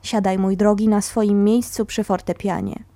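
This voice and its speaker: A woman's voice: mid-range voice, steady tone, normal speed, mellow, no room sound, natural voice. A woman reading as a dignified old music teacher. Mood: tender. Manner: commanding yet affectionate.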